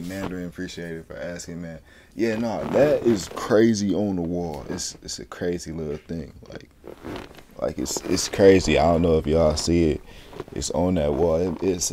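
A young man in his twenties talks through a reaction video in a loose, rambling way, heavy on slang. His voice sits very low. A faint hiss sits behind him. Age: 20s. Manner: laid-back, rambling slang-heavy talk. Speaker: reaction streamer. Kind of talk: casual reaction commentary.

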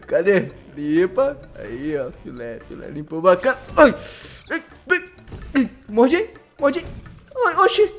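A young man with a Brazilian accent giving excitable, slangy live commentary over gameplay and laughing often. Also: high-pitched, measured pace, soft background music. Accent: Brazilian Portuguese. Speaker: gaming YouTuber.

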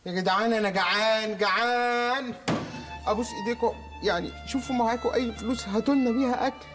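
An actor with an Egyptian Arabic accent playing a broke, hungry brother who whines and pleads for food in a TV comedy series. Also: male voice, very high-pitched, fairly even intonation, quick pace, over music. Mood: whiny. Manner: whiny, pleading, self-pitying.

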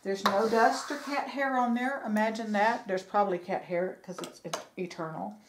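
A woman's voice: medium pitch, normal speed, noisy background. A woman narrating a home furniture refinishing project in a casual, rambling way, with fillers and self-corrections, recorded on a camera mic in her sewing room. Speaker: DIY furniture vlogger. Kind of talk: casual how-to narration while working.

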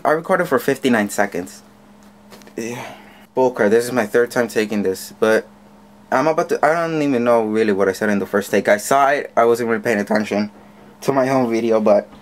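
A teenage boy vlogging casually on a handheld camera, rambling with restarts as he walks home in the rain and then talks at home. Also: medium pitch. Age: teens. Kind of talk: casual daily vlog.

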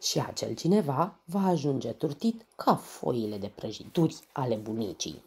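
Deep, gravelly woman reading a bedtime story. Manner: expressive, animated reading.

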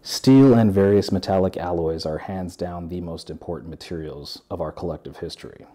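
A man in his thirties, a welder, giving a measured, earnest scripted narration of an essay in his living room. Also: deep voice, dark tone.

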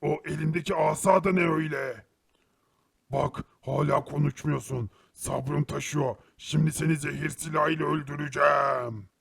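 A hot-headed ghostly creature from a cartoon, with a husky, gravelly voice pitched a little high. He grumbles at his friends and yells threats at his enemies. He sounds tough and quick to anger. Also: steady tone, full character voice. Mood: combative. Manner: gruff, shouting threats in fights. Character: ghostly male game creature, tough and short-tempered. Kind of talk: animated cartoon voice acting.

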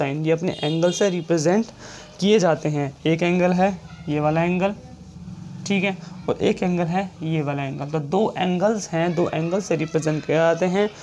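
A man teaching shorthand in a classroom-style lecture, repeating each point and checking in often, and reading English rule text out slowly. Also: fairly high pitch, darkish tone, a little hiss or hum.

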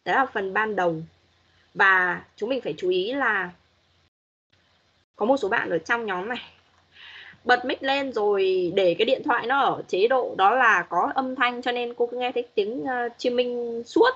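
Husky woman teacher on a muffled call. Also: a little high, measured pace, fairly bright tone. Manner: patient, corrective, demonstrates pronunciation. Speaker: English teacher. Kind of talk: online class feedback. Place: online class call.

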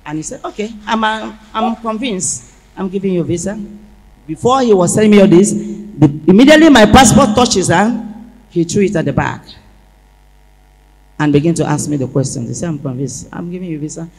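A woman giving an animated church testimony, acting out the dialogue as she tells it. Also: lowish voice, fairly quick, husky. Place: large church hall. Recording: echoey church hall.

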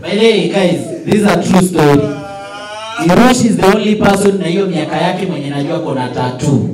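A man's voice: sits high, brisk, crowd noise. A young man with a Kenyan accent roasting and telling comic stories on a small stage. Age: young adult. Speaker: comedian roasting on a panel. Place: small indoor bar stage. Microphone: handheld microphone. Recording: echoey venue, distant from mic.

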